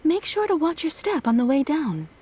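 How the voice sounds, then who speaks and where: A woman's voice: high-pitched, sing-song, moderate pace, a little mellow, slight background noise. A woman voicing a polite, attentive young shrine maiden in a video game, courteous and helpful. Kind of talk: English game voice acting.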